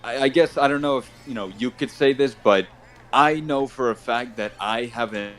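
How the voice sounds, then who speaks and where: Faint music plays behind a tournament host who talks casually while gaming, at medium pitch and normal speed with a slightly bright tone. His accent mixes Colombian Spanish, his native language, with Brooklyn, and he rambles with plenty of "you know" fillers.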